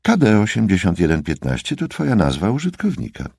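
A man's voice: on the low side, huge pitch swings, a little fast, vocal fry, darkish tone, slightly rough, no echo, clean studio sound, pitched above the performer's own voice, exaggerated voice. A man voicing a teasing young woman detective. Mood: breezy. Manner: teasing, breezy.

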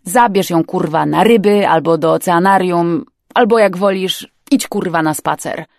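A woman's voice: fairly low pitch, normal speed, dry recording, clean studio sound, natural voice. A woman voicing a bad-tempered older male crook who barks orders and curses. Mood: angry. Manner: gruff, loud, cursing.

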